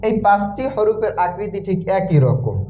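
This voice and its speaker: A man teaching Quran letters in a slow recitation lesson, with a Bangladeshi Bengali accent, repeating each letter sound many times. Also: sits high, big pitch swings, mellow, slight background noise. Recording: roomy, dull lo-fi sound.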